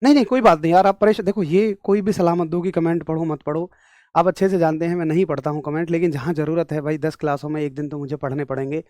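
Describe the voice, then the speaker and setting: A man's voice: on the high side, steady tone, quick pace, a little mellow, no echo, studio quality. A young man teaching a physics class online, emphatic and direct, repeating key points to his students. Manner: emphatic, scolding then explaining step by step.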